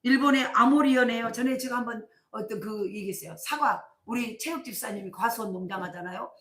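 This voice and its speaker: A middle-aged woman pastor preaching a sermon, telling stories in a colloquial, animated way with emphatic bursts. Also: fairly high pitch, brisk. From South Korea. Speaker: senior pastor. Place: church sanctuary. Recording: echoey church sanctuary.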